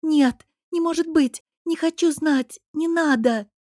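A woman's voice: takes it slowly, no room sound, clean studio sound. Woman voicing a sobbing young wife pleading. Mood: tearful pleading. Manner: tearful pleading, high and loud. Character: young married woman waking from a nightmare, fragile.

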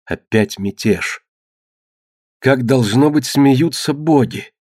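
A man reading an adventure novel aloud in a measured, dramatic manner. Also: medium pitch, a little mellow, no room sound, studio quality. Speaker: narrator. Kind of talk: scripted audiobook narration.

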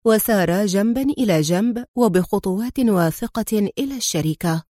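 A woman narrating a spy novel as an audiobook, in a measured, expressive way. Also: medium pitch, no echo, clean studio sound. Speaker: storyteller.

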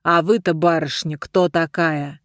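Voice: medium pitch, fairly even intonation, measured pace, fairly bright tone, no echo, clean studio sound, lightly acted. A reader doing a sneering surly dwarf. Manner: sneering, mocking.

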